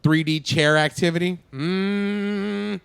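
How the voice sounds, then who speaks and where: Man, slightly high voice, excitable, swears a lot, acts out movie lines, dry close mic, casual chat. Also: fairly quick, no room sound. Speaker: co-host. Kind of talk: casual post-movie discussion.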